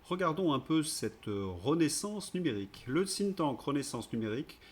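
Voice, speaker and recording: A man's voice: fairly high pitch, big pitch swings, moderate pace, husky. A man hosting his own political commentary channel, delivering an indignant, sarcastic monologue.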